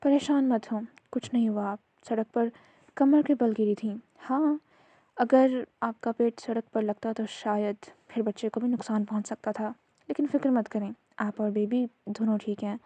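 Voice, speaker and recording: A woman voicing a kind female doctor who gently reassures a patient. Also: a little high, fairly even intonation, no room sound, natural voice. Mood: reassuring.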